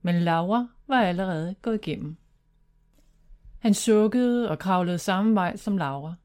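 A woman reading a children's fantasy story aloud, in steady, even narration. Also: fairly low pitch, clear, resonant tone.

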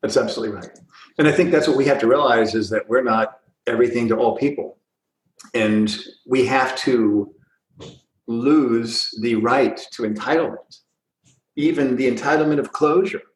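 A man guesting on an interview show, telling his stories with lively emphasis and a mid-range voice. His voice bounces off an echoey room around him. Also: medium pitch, moderate pace. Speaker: recruiting guest. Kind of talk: podcast interview.

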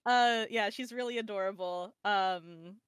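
A woman's voice: medium pitch, unhurried, fairly bright tone, smooth, no room sound, clean studio sound. Rambling chatty woman podcast guest. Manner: rambling, restarts sentences, fond and chatty. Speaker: podcast guest, VTuber and artist. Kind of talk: casual podcast chat.

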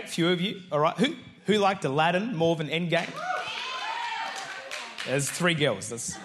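Lead pastor, male, high-pitched, lively and joking with the congregation in a church. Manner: energetic, joking and conversational with the congregation. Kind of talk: sermon. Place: church hall with live congregation.

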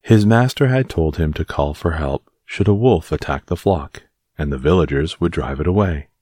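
A man hosting and narrating a bedtime story podcast in a slow, soothing, deliberate way. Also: very deep voice, warm tone, husky, dry recording, studio quality.

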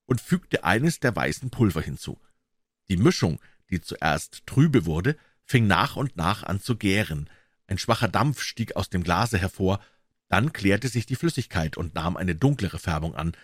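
A man reading a classic story aloud as audiobook narration, in a dramatic, expressive way. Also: sits low, husky, dry recording, clean studio sound. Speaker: audiobook reader.

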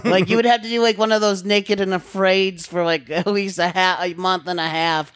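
A man's voice: sits high, flat delivery, moderate pace, a bit bright, clean tone, no room sound, clean studio sound. A man reacting with incredulous, laughing remarks in a casual comedy podcast chat.

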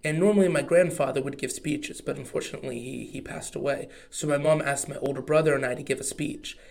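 A man's voice: a little high, fast talker, gravelly, darkish tone. A young man with an Oklahoma accent, chatting casually and candidly as a podcast co-host.

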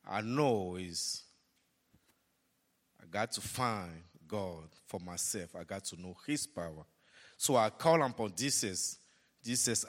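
Older guy with a togolese accent giving church testimony, kinda low voice, halting and emphatic, big echoey hall. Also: a bit bright. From Togo. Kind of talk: personal testimony before a congregation. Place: large church hall, on stage. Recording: reverberant large hall.

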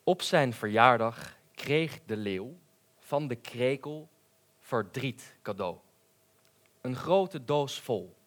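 A man reading a children's story aloud in an unhurried, expressive way. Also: mid-range voice.

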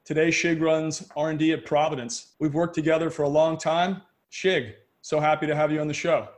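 Higher-voiced male podcast host. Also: flat delivery, fairly quick, slight background noise. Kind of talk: podcast interview.

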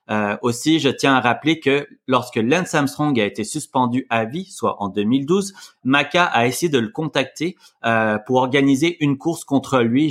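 A man's voice: mid-range voice, a bit bright. A man co-hosting a podcast, reading news items with frequent hesitations. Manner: reads news items with fillers. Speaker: podcast co-host. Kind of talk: casual podcast news chat.

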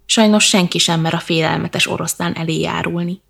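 A woman voicing an old, wise, kindly elephant in a children's storybook, speaking gently and cordially. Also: lowish voice, steady tone, vocal fry, exaggerated voice. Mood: gentle. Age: older. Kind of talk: storybook character voice.

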